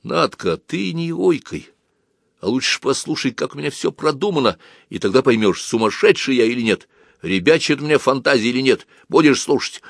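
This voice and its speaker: A man's voice: mid-range voice, expressive, normal speed, creaky, no echo, studio quality, voice pushed up. A man voicing an earnest, determined teenage boy. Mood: persuasive. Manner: earnest, persuasive, emphatic.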